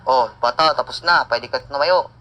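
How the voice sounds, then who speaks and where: A man voicing a calm, matter-of-fact middle-aged male doctor in a homemade animated cartoon. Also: medium pitch, normal speed, close to an everyday voice, poor audio.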